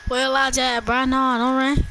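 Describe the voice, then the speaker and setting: A young man in a game who keeps telling others to calm down and stop taking loot. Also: very high-pitched, brisk. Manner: exasperated, urging others to calm down. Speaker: gamer. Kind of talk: gameplay chat. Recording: clear background noise.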